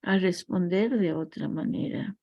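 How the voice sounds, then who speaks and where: Unhurried and somewhat low-voiced, a woman teaches a recorded class on family constellations, mixing reflective remarks with parables and personal anecdotes. There's no echo, though the sound is muffled.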